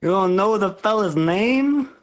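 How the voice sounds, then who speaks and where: A man's voice: high-pitched, animated, a little slow. A man playing an eager, baffled, folksy baseball fan in an old-time radio comedy double act. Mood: baffled, insistent.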